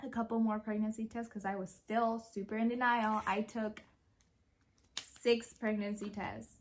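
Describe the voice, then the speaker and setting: A young woman and parent telling a story in a casual question-and-answer video, chatty and quick to laugh. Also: medium pitch, flat delivery, slight background noise. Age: young adult. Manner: giggly, laughs often while telling a story; chatty, full of fillers and quoted speech. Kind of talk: casual Q&A chat.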